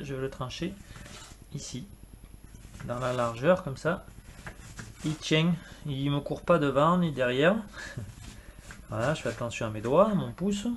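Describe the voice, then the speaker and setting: A man's voice: medium pitch, a little hiss or hum. A man talking casually through a home cooking demonstration, chatty with jokey asides while he works. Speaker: cooking video host.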